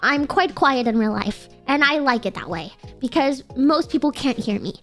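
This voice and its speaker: A young adult woman with a nasal, girlish voice, chatting casually and excitably to livestream viewers in a cute anime-streamer manner. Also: sits high, normal speed, soft background music. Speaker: VTuber livestreamer.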